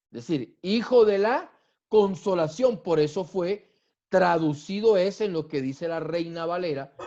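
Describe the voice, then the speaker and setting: A man with a Colombian accent, a pastor preaching a teaching sermon slowly, repeating key words and swinging from loud to soft. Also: high voice, muffled recording. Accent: Colombian Spanish. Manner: slow teaching delivery with repetition and wide swings in loudness. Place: church sanctuary.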